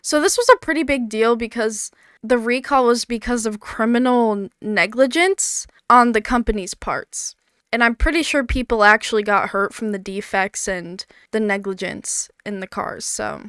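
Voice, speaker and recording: A woman's voice: on the high side, normal speed, a bit bright, clean tone, no echo, clean studio sound. A woman with a slight lisp giving casual, blunt commentary on an old comedy show, full of "like". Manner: chatty, blunt, peppered with "like".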